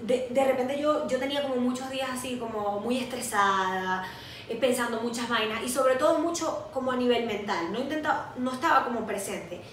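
A young Venezuelan-accented woman with a high voice, telling a personal story in a lively, self-mocking way on a casual podcast. The mic sits far off in a very echoey room with faint hiss. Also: fairly quick. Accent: Venezuelan Spanish. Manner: animated storytelling, laughing at herself. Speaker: podcast co-host. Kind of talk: casual chat.

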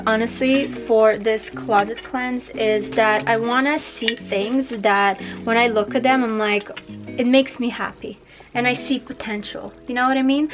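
A woman in her twenties chatting casually to camera at home, thinking out loud with lots of fillers. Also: a little high. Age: 20s. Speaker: vlogger.

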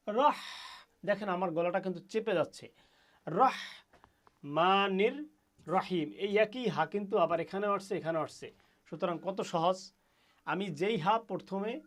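A man with a Bangladeshi Bengali accent teaching recitation, who sounds out words slowly with heavy stress and then explains them. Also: fairly high pitch. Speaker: religious teacher. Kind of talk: recitation lesson.

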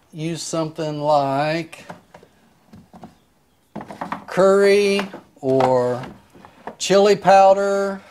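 Relaxed man explaining a home recipe. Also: a little high, slight background noise. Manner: relaxed, rambling step-by-step explanations with filler words. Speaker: home cook. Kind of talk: casual cooking tutorial. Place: home kitchen, indoors. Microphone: clip-on lapel mic.

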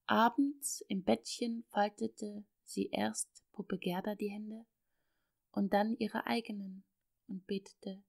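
A woman narrating an audiobook of a classic children's story, expressive and storytelling, dipping into soft whispers. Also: medium pitch, slow, creaky, no echo, clean studio sound.

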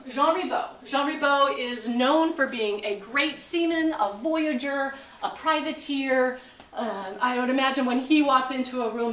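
A woman docent gives a relaxed history talk, chatting easily and laughing at her own slips. Her voice sits somewhat high. She is picked up from a distance in a roomy, echoing space with faint noise underneath. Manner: chatty, laughs at herself, loses words. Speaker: museum docent. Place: museum lecture room. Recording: echoey room, mic far off.

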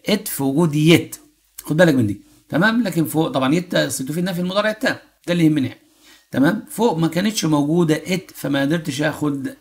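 A man speaking Egyptian Arabic, an English teacher in an exam-prep lesson, who reads English sentences slowly and then translates them quickly. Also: a little high, gravelly. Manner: asks rhetorical questions and checks in with "okay?".

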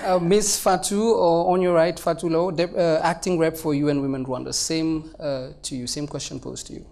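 A man's voice: a little high, fairly even intonation, normal speed, vocal fry, a little mellow. Young man moderating a stage panel. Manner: chatty, jokey, many fillers. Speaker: moderator and presenter. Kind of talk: moderating a live panel discussion. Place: indoor conference stage.

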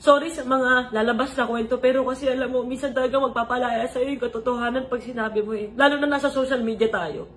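High-voiced woman telling a confessional story. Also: fairly even intonation, fast talker, few pauses. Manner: earnest, retelling events in mixed Tagalog and English. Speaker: vlogger.

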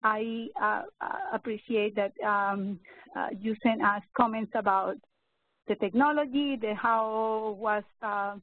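A woman in her fifties, a neurologist giving an educational webinar talk, speaking slowly and hesitantly with many fillers and restarts. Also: medium pitch, steady tone, no echo. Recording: narrow phone-like webinar audio, dry.

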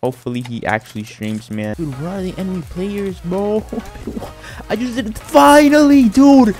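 A male gaming YouTuber giving excitable, slang-heavy live commentary while he plays. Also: fairly high pitch, normal speed, faint music behind. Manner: excitable, slangy, says "bro" constantly.

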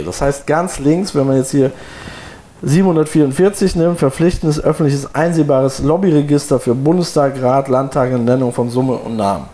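Indoors, in a room with window blinds, a seated man in his forties goes over poll results on a results screen for viewers. He sounds loose and chatty, with frequent fillers and restarts, and his mid-range voice is a little mellow.

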